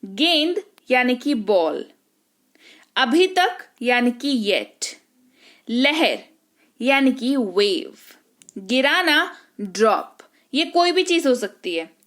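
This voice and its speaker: Slow, high-voiced woman teaching. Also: very animated, fairly bright tone. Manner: slow, explains each word with checks like "ठीक है?". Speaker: English teacher. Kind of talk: vocabulary lesson.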